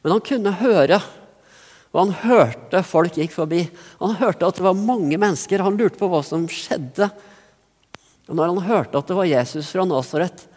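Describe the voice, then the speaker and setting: A pastor from Norway delivers an earnest, reflective sermon, pressing harder at key phrases. This man's voice sits a little high. A long church reverb trails after his words. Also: lively intonation, a little mellow. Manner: earnest, reflective, with rising emphasis in places.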